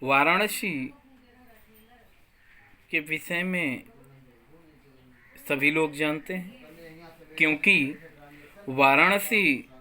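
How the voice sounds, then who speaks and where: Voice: mid-range voice, drawn-out words, long pauses, bright, forceful tone. A school teacher giving a lesson, reciting verse lines and explaining them word by word with English words mixed in. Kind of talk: classroom lesson.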